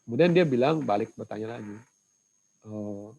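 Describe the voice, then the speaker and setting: A male lecturer explaining and telling a story in an online class, halting with frequent fillers and getting animated as he recounts it. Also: mid-range voice, low-quality recording. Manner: halting, many "eh" fillers and tag "ya".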